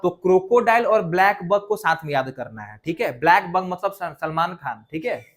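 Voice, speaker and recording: A man's voice: high voice, expressive, normal speed, fairly bright tone. A male teacher, giving an exam revision lesson and drilling students by repeating lists and quizzing them.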